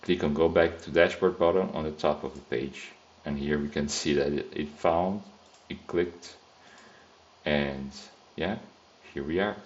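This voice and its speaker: Speaking English with a Brazilian accent, a software test engineer whose native tongue is Brazilian Portuguese walks through a screen-recorded coding tutorial at a measured pace. His rumbling low voice loses its highs, and he thinks aloud casually, restarting often and using plenty of fillers.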